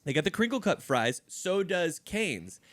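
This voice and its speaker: Profane, laid-back young podcast host. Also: male voice, high voice, sing-song, a little slow, dry recording. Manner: loose, profane storytelling with frequent laughter. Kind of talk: casual chat.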